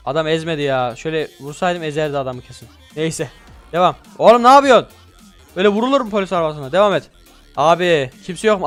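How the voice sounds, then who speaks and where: A man giving excitable, slangy gameplay commentary, talking both to his viewers and to the game characters. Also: high voice. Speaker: gaming YouTuber.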